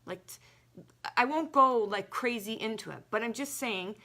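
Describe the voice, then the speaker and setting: A woman's voice: fairly high pitch, moderate pace, pushed and bright. A young adult woman, a holistic health coach, talking casually and emphatically, with lots of "like" in her speech. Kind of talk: casual direct-to-camera talk.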